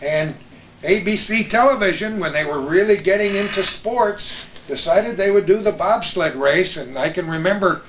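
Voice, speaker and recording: Trading anecdotes and memories with old colleagues, a veteran radio broadcaster hosts at a moderate pace. He's an older American man with a high-pitched voice, recorded with a roomy echo and a bit of background noise.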